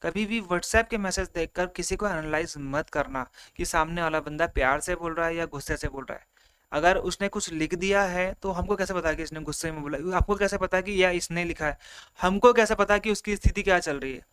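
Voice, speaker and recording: A man with a high, brisk, clean voice that's a bit bright teaches an online exam-prep lecture. He breaks things into simple, repeated steps, acts out examples, and mixes English terms into his Hindi.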